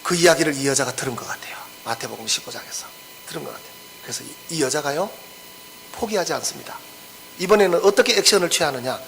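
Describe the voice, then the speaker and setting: A man preaching a sermon in a high, very lively voice that climbs and drops dramatically. He acts out the lines of the scripture figures and keeps putting questions to his listeners. A faint hum sits under the recording. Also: quick pace, vocal fry, rough recording. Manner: animated, acts out scripture quotes, asks the congregation questions. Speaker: pastor. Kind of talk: expository sermon.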